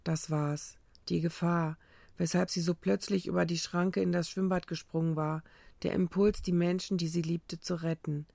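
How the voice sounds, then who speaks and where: A narrator reading a dramatic story aloud in a steady, even way. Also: medium pitch, normal speed, vocal fry, no room sound. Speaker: audiobook narrator. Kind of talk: scripted narration.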